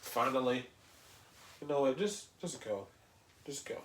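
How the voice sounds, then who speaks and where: A man's voice: mid-range voice, very animated, moderate pace, dark tone, slight background noise. A man giving slangy, casual reaction commentary and acting out imagined exchanges. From Louisiana, US. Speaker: reaction video host. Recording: echoey room.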